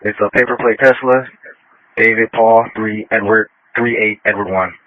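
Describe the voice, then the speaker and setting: A man's voice: lowish voice, fairly even intonation, moderate pace, no room sound. A man, a police officer in the field, giving terse, matter-of-fact reports over the police radio. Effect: police radio transmission. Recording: muffled dry radio audio.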